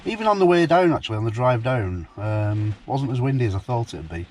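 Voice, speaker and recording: A man's voice: mid-range voice, expressive, brisk, a little mellow. A British man chats casually and informally to camera inside a parked van, in an easygoing manner. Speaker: vlogger. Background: rain on the van roof, background noise.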